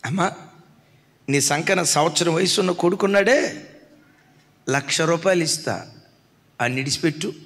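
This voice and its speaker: A man pastor voicing a wise old king in a sermon story, speaking in a measured, lowered tone. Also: a bit bright, in a large hall. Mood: calm.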